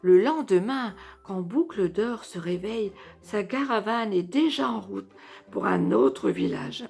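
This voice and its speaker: A woman reading a children's story aloud as a storyteller, slow and clearly paced. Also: mid-range voice, big pitch swings, darkish tone.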